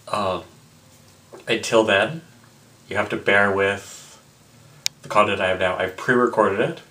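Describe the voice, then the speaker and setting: Low-voiced tipsy young man, rambling. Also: pushed and bright. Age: 20s. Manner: rambling, halting, repeating himself, mock-indignant asides. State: tipsy from drinking. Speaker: vlogger. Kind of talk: casual rambling vlog to camera. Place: small indoor room with block wall, seated close to camera.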